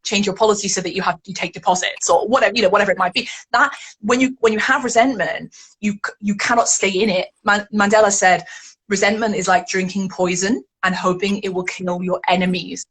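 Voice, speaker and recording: A woman's voice: mid-range voice, fairly even intonation, brisk, a bit bright, breathy edge. A woman, a guest in an interview, telling stories animatedly and acting out the reactions she quotes. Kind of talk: podcast interview conversation.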